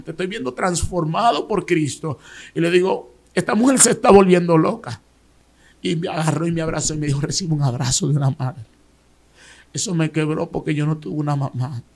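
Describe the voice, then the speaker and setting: A male pastor, giving an emotional personal testimony in dramatic storytelling style. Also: sits high. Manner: dramatic storytelling, voicing others in quotes.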